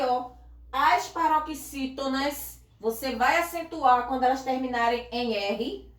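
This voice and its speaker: Slow and patient, a woman teaches a class a grammar lesson and often checks that the students are keeping up. Her voice is fairly high, and the room is echoey.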